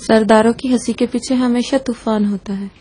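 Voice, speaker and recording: An actress dubbing a sharp-minded woman in a film drama, speaking in a questioning, earnest way. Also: fairly high pitch, fairly even intonation, natural voice.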